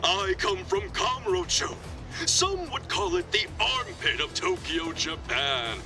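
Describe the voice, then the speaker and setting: A man's voice: sits high, sing-song, gravelly, music in the background, exaggerated voice. A man playing an earnest, cocky yakuza hero in a video game, introducing himself with theatrical grandeur. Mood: proud, theatrical. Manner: grandiose, slow storytelling.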